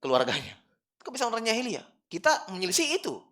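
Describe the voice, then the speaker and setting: A male religious teacher lectures in a prayer room. His pitch swings widely, sliding from muttered asides up to sharp, insistent emphasis, and he keeps pausing to check that the listeners follow. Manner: animated, swings from low asides to loud emphatic bursts; checks with listeners by asking "clear?". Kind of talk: Islamic study lecture. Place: prayer room in an office building.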